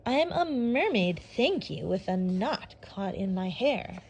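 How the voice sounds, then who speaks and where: A woman's voice: mid-range voice, big pitch swings, takes it slowly, a little mellow, a little hiss or hum. A woman playing a haughty, bossy mermaid. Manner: sniffy, imperious.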